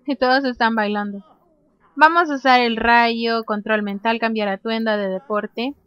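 Woman, let's-play host; chatty, reads menu options aloud, prone to excited squeals; high voice, dry lo-fi mic. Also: moderate pace, clear, resonant tone, no echo. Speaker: gameplay commentator. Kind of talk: casual let's-play commentary.

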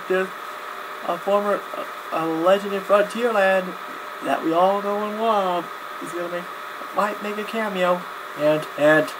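Filming himself in a small, cluttered room indoors, a young man vlogs in a high voice, his casual talk halting and rambling as he keeps backtracking and repeating things. A desk-distance webcam picks him up, giving webcam-quality sound with audible background noise.

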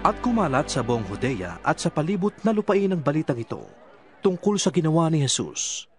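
Man narrating over soft music. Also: on the high side, normal speed. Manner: steady storytelling. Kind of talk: scripted narration.

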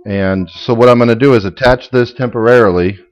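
A middle-aged DIY channel host casually explains a build in his home garage workshop, practical and plain, with small restarts. His mid-range voice runs a little fast. The audio is dull, captured by a camera a few steps away.

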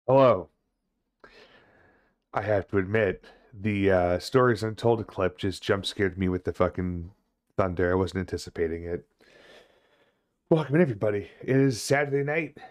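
A man in his thirties chatting casually on a game livestream, rambling haltingly and swearing now and then. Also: deep voice. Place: small indoor home room.

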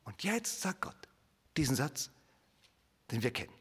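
A male pastor preaching a sermon, swinging from hushed whispers to emphatic raised lines and putting rhetorical questions to the congregation. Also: mid-range voice, big pitch swings, measured pace, breathy edge. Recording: reverberant church hall.

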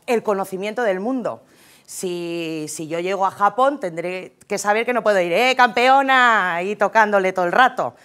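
A woman with a Spain Spanish accent giving a humorous conference talk, chatty and joking, often tagging her sentences with a quick question to the audience. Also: mid-range voice. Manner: chatty, jokey, keeps tagging lines with "¿eh?". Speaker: conference speaker.

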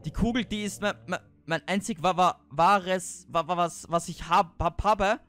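Man playing an old stuttering game wizard, stammering, raised pitch, a little louder. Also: normal speed, soft background music. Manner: stammering, repeats syllables.

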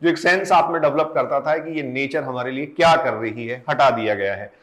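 A man's voice: medium pitch, moderate pace, a bit bright. A man, an exam coaching educator talking students through syllabus changes and reading out lists of deleted topics. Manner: addresses students directly, reads out topic lists.

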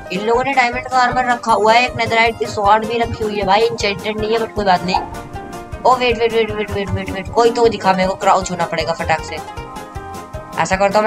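Young man, gaming commentary, excitable, rushed repeats, music playing behind. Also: sits high. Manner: excitable, repeats words in a rush. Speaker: gaming YouTuber. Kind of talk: live gameplay commentary. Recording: background music under voice.

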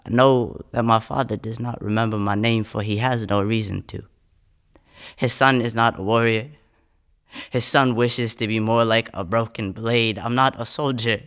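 A young American man, a spoken word poet, performs poetry and answers interview questions into a close studio condenser microphone. His mid-range voice is steady and slightly bright, moving at a moderate pace.

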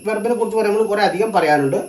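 A teacher giving a grammar lesson, slow and repetitive, stating each term in two languages. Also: medium pitch, a little mellow, reverberant, low-quality recording.

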